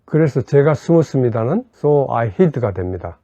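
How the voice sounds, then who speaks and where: A man teaching English grammar step by step and leading slow repetition drills. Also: medium pitch, sing-song, warm tone, no echo. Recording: dull lo-fi dry recording.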